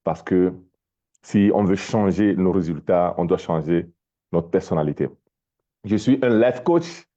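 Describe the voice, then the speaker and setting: A man's voice: low voice, expressive, a little slow, mellow, lo-fi sound. A man from Togo, a life coach, giving a motivational talk on a live stream, often repeating words as he searches for them.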